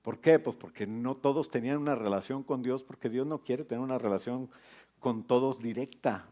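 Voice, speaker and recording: A middle-aged male pastor preaching a sermon, lively and joking with his congregation. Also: mid-range voice, normal speed.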